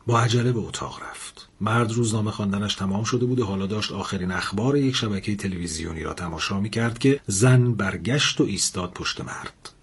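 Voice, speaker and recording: Husky male storyteller, expressive audiobook narration. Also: lowish voice, few pauses.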